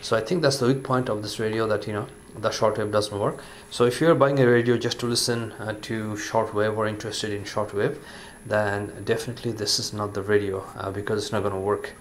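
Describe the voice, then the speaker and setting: An easygoing man reviews a gadget at a table in an indoor room, demonstrating it hands-on. His lowish voice is brisk with hardly any pauses, and his relaxed talk is full of fillers, especially "you know".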